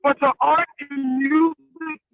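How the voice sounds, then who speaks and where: A man's voice: very high voice, fairly even intonation, takes it slowly, vocal fry, over music. A man arguing insistently in a debate over a call, his voice glitching and robotic. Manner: insistent, argumentative. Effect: robotic glitching call audio. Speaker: caller in an online debate. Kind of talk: heated debate. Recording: tinny phone-call line.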